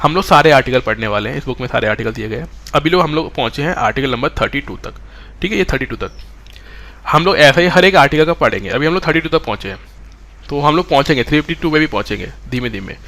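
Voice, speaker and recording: A man runs a live online class at a brisk clip, his voice pitched in the middle for a man. He mixes English terms into his Hindi and keeps stopping to ask the students whether they follow. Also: lively intonation, fairly bright tone. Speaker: online exam-prep teacher.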